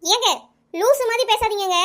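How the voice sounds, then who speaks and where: A woman playing a village housewife who argues back at her husband about her cooking in a comic skit. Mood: indignant. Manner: shrill, quick, arguing back.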